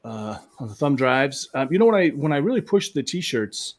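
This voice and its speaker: A slight hiss or hum sits under the medium-pitched voice of a man whose pitch swings widely at a normal speed. He's a co-host on a live online hypnosis stream, chatting casually over video call with many restarts and fillers in a rambling manner.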